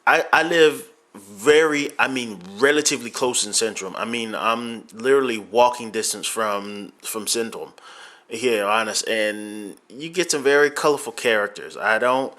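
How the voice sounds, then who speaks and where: A young American man from Miami hosts a casual question-and-answer podcast. His voice is bright and forceful, though his throat sounds sore and rough. He rambles loosely, with plenty of fillers and restarts. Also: mid-range voice, normal speed. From Miami, United States.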